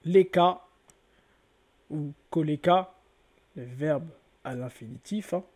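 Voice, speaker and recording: A man's voice: a little high, slow, darkish tone. Didactic man spelling out word roots. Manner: didactic, spells out letters, corrects himself often. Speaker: lecturer on word origins. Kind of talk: explanatory lecture to viewers.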